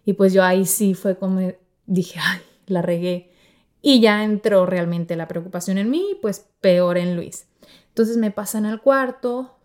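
A woman in her thirties hosting a podcast, telling a personal story in a casual, animated way and acting out the voices of the people she quotes. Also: medium pitch. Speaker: podcast host.

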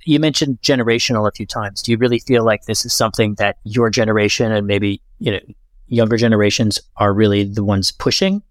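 A man's voice: lowish voice, fairly even intonation, fairly quick, no room sound. A man interviewing in a conversational, enthusiastic and affirming way.

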